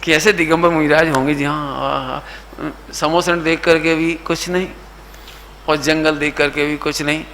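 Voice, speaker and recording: A middle-aged man giving a sermon to a youth camp, asking his listeners questions, mixing in English words, and now and then slowly singing a line of verse. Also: a little high, level tone, a bit bright, slight background noise. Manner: asks the audience questions and coaxes answers; sings verse lines slowly. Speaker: Jain preacher.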